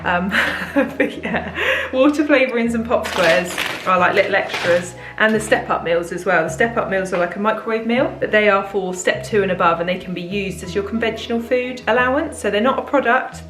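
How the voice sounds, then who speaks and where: A woman's voice: mid-range voice, fairly bright tone. Woman, 30s, British accent, chatty food vlog, echoey kitchen. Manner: chatty, candid, laughs easily. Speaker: diet plan consultant and vlogger. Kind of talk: casual food vlog chat. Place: home kitchen.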